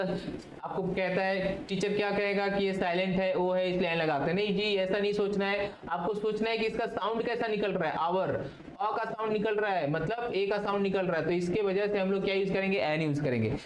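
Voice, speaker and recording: A man teaching English grammar in a video lesson. He asks questions and answers them himself, mixing Hindi and English. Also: high-pitched. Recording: roomy echo, faint background hiss.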